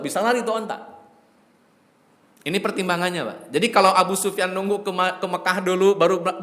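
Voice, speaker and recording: A lively preacher spins a story, joking and turning to his listeners often. His voice is high for a man. The recording carries the long, ringing echo of a large mosque hall. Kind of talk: sermon storytelling.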